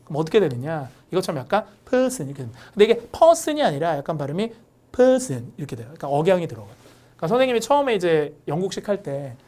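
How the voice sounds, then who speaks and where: A young woman teaching an online English class, talking fast and telling stories as she explains. Her voice sits low and swings widely as she goes. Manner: lively storytelling explanation. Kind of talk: online lecture.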